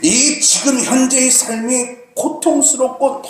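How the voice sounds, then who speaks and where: A man preaching a sermon as pastor, earnest, with dramatic pauses and slow emphasis. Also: very high-pitched, a crowd in the background. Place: church sanctuary. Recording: very echoey church hall, faint noise.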